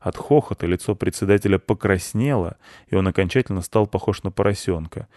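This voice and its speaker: A man calmly narrating a scripted children's story. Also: sits low, brisk, no room sound, clean studio sound. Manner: calm, even storytelling.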